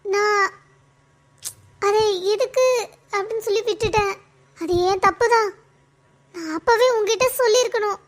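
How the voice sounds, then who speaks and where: A young female friend in a cartoon, her voice very high and gentle as she soothes and apologizes, voiced by a woman. She sounds sorry and eager to comfort. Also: steady tone, normal speed, long pauses. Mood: apologetic.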